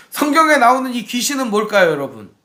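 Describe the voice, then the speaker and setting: A man preaching a sermon as pastor in a church, asking the congregation questions and acting out the shouts he quotes. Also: very high voice, very animated, normal speed, reverberant.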